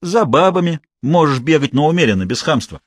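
A scornful, irritable crime boss barks orders and lectures his henchman, voiced by a man reading the story. The voice rides up high and swings widely, recorded dry and close. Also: animated, fairly quick, dry recording. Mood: bossy.

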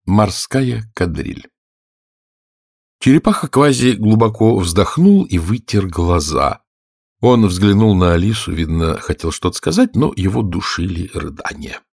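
A man narrating a fairy-tale audiobook with expressive, animated reading. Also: sits low, unhurried, creaky, slightly rough, dry recording, studio quality. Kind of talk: storybook narration.

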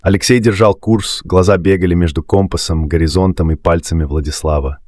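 A man reading a dramatic sea story aloud as a narrator, in a steady storytelling manner. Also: deep voice, fairly quick, no room sound, clean studio sound. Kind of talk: scripted narration.

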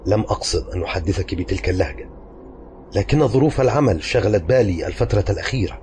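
A bitter, grieving young man who keeps to himself and speaks low and weary, voiced by a male narrator. The voice drops well below his own and falls quiet. It is part of an audio novel read by a single storyteller. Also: fairly quick, slight background noise. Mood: subdued.

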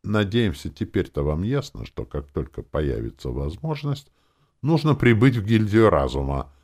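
Мужчина-чтец озвучивает бодрое системное сообщение из игрового мира аудиокниги, торжественно объявляя новости. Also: male voice, low-pitched, big pitch swings, moderate pace, darkish tone, pitched above the performer's own voice, full character voice. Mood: announcing. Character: cheerful in-game system message voice.

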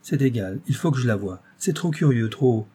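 A man's voice: mid-range voice, expressive, normal speed, dark tone, husky. A man reading aloud voices a kindly, good-natured middle-aged husband who is easily flustered. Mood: earnest.

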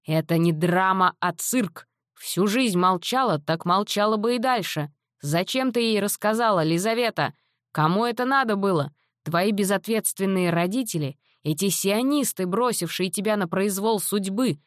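A woman reading an audiobook, voicing a stern, quick-tempered middle-aged father who talks in loud, slow, emphatic outbursts. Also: medium pitch, dry recording, studio quality, lightly acted. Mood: bitter.

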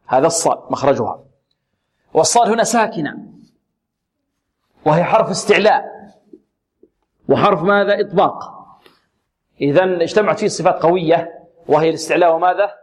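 A man teaching Quran recitation, patiently repeating syllables slowly and asking and answering his own questions. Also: on the high side. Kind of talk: tajweed lesson with recited examples.

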